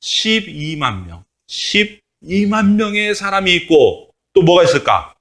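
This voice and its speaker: A man voicing a slow, solemn fatherly God. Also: high voice, big pitch swings, a bit bright, voice pushed up, full character voice. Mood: tender. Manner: slow, solemn, tender pleading. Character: patient, fatherly male God speaking.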